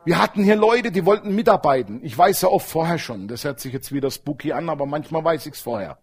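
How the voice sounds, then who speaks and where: Husky lively preacher. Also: male voice, fairly high pitch, quick pace. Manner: lively, humorous preaching with acted-out dialogue. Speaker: pastor. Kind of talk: sermon.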